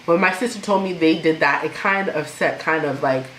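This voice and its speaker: A young woman vlogger telling a personal story in a casual, animated way, laughing now and then. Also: deep voice, normal speed. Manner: animated, laughs while telling, imitates others. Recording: echoey room with faint noise.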